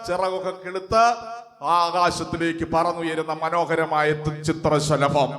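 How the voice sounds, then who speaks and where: A man's voice: on the high side, level tone, a little slow, a bit bright. A man preaching a sermon with a rhythmic delivery that builds to fervent exclamations. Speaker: pastor. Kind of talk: sermon in Malayalam. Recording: echoey church hall with long reverb.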